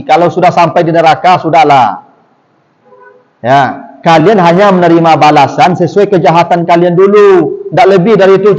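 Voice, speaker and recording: A man gives a sermon explaining Quran verses, talking animatedly to the congregation and acting out what people say. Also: high-pitched. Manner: animated, often addresses the congregation, acts out quoted speech. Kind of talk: mosque sermon, Quran commentary. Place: mosque hall after evening prayer. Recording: long reverb of a mosque hall.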